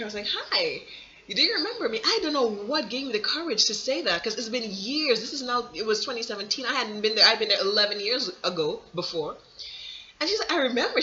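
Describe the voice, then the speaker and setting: A vlogger rambles through a casual monologue, restarting sentences and breaking into emphatic, preachy slang. The voice is very bright and sharp. The audio sounds dull and lo-fi. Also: medium pitch, a little hiss or hum. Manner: rambling and digressive, with many restarts and asides.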